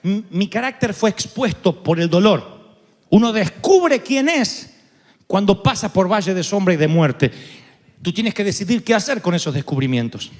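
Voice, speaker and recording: A man with an Argentine accent, a pastor preaching a sermon, telling stories with sudden shouts and humor. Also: high voice, animated, moderate pace. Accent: Argentine Spanish. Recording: long reverb of a large hall.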